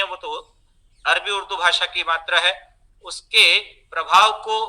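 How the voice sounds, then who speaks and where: A man giving a measured, explanatory lecture on teaching pronunciation, pausing often. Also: high voice, sharp tone, poor audio. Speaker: teacher trainer.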